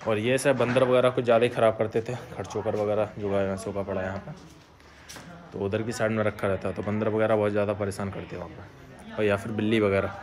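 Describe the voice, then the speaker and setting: A man's voice: on the low side, flat delivery, fast talker, a crowd in the background. A man chatting casually through a vlog walkthrough of an outdoor yard where he cares for dogs, often calling out to them. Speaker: dog shelter caretaker. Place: outdoor yard at a home under construction.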